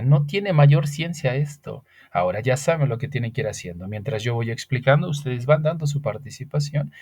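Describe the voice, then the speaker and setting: A man whose first language is Spanish leads an English grammar lesson at a mid-range pitch. He takes each point step by step and patiently asks the class questions he then answers himself. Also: darkish tone, breathy edge. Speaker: English teacher.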